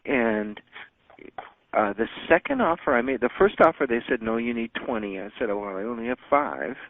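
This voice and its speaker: Over phone-line audio with slight background noise, a man hosts a teleconference and answers callers in casual chat. His mid-range voice is animated and his pace moderate as he rambles along with plenty of fillers and restarts.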